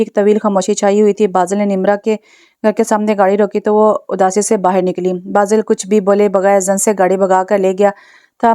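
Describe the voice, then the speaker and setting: Smooth steady woman reading a novel. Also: mid-range voice, dry recording, studio quality. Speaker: narrator.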